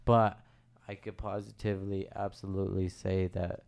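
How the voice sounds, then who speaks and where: A man's voice: deep voice, level tone, normal speed, gravelly, darkish tone. A young man in casual chat with friends in a basement, reminiscing in a rambling, sentimental way with lots of swearing. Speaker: storyteller among friends. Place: home basement.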